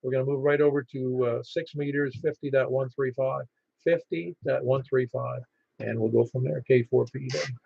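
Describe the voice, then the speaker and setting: A man acting as net controller on amateur radio, calling for check-ins haltingly and repeating call signs in phonetics. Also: mid-range voice, steady tone, vocal fry, husky. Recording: dull, band-limited ham radio audio.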